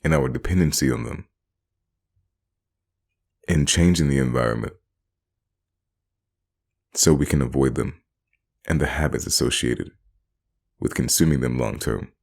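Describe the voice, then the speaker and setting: Very deep gravelly man, rambling. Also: a little slow, long pauses. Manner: rambling, repetitive, laughs between phrases. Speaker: vlogger. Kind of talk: casual monologue on wellness.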